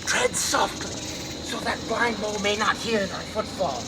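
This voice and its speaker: A woman's voice: medium pitch, normal speed, lightly acted. A woman playing a wheedling, resentful monster servant on stage, declaiming in archaic English. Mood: wheedling, hushed. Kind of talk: live stage performance of Shakespeare. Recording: noisy live outdoor stage recording.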